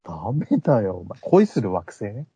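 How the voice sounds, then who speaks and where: A man's voice: fairly low pitch, big pitch swings, normal speed, background noise. A man co-hosting a casual chat podcast, bantering bluntly and teasing his partner. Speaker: podcast co-host. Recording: dull, dry podcast audio.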